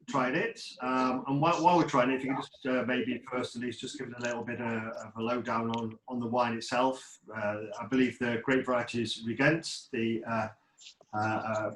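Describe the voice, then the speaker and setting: A man hosting a wine webinar, guiding the guest with many halting uhs. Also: mid-range voice, fairly bright tone. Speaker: host. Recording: echoey room with faint noise.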